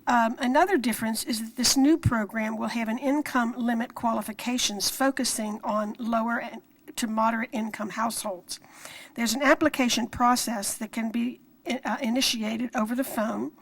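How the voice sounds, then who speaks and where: A woman with a fairly high voice presents formally as a council member. Her delivery is measured and a little halting, as from prepared notes. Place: council meeting room.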